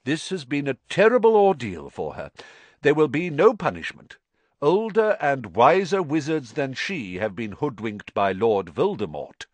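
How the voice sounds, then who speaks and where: A man voicing a wise, gentle old headmaster who speaks in a measured way. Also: medium pitch, very animated, no room sound, voice pushed up. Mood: firm.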